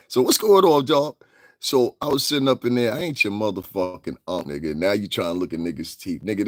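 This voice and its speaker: A low-voiced, husky man holds forth on a live stream, loud, mocking and quick to laugh. His pitch swings widely as he roasts commenters, and the sound is dry and close. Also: no room sound. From northeastern United States. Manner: brash, mocking, laughs often. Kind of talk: casual live-stream chat answering comments.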